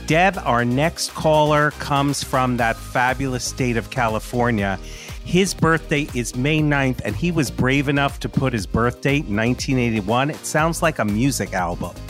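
A man co-hosting a call-in psychic show, playful and campy with quick quips, introducing callers. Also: mid-range voice, a bit bright, faint music behind. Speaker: co-host.

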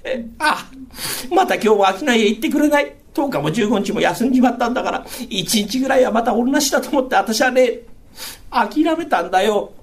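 A male rakugo storyteller voicing a patient, scolding Edo working-class wife, in soft, chiding old speech. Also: extremely high pitch, lively intonation, a little fast.

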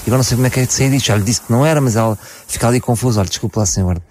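A man's voice: medium pitch, racing, darkish tone, dry recording. A man with a European Portuguese accent on a radio show, improvising a rambling, apologetic plea to a policeman. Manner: rambling, apologetic, talks over others. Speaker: radio show regular playing a game. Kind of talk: improvised comic pleading.

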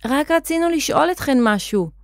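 A woman's voice: sits high, expressive, dry recording, clean studio sound, voice pushed up. A woman voicing an eager young boy, a sorceress's apprentice, who calls out a little breathlessly in a children's audio story.

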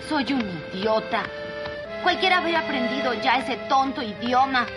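A woman voicing a young boy in a dubbed cartoon, speaking in a dramatic, expressive way. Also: high voice, normal speed. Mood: frustrated, then amazed. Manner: dramatic, pleading. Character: mischievous, exploited young boy pleading for help in cartoon. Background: music.

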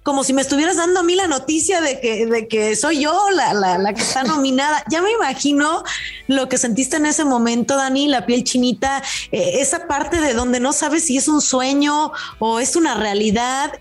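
High-voiced woman interviewing. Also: expressive, moderate pace, faint music behind. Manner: warm, emphatic interviewer, long winding questions. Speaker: sports podcast host. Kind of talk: interview questions.

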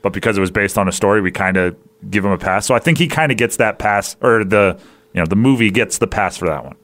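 A man's voice: on the low side, fast talker, a bit bright. Chatty man hosting a movie podcast. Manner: talkative, rambling with restarts and fillers. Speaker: podcast host. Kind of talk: casual movie review chat.

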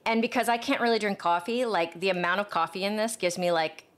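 A woman's voice: mid-range voice, brisk. An American woman hosting a podcast in a casual, chatty, slangy way. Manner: informal, slangy, addresses listeners as friends. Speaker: podcast host.

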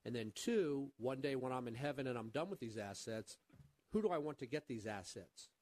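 A man's voice: mid-range voice, expressive, normal speed, a little mellow, no echo. A man hosts a call-in radio show and answers questions about money. He sounds earnest and often repeats a word or two before he gets his sentence going. His mid-range voice is caught on a dry, close studio mic. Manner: earnest, repeats words when starting sentences. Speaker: radio show host, financial advisor.

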